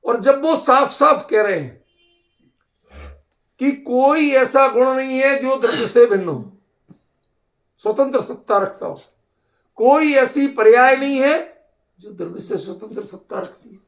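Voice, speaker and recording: A man's voice: very high voice, animated, unhurried, pauses often. A man leading an interactive scripture discussion, explaining emphatically with homely examples and constantly checking whether his listeners follow. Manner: keeps quizzing listeners with rhetorical checks. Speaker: scripture teacher. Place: online group session.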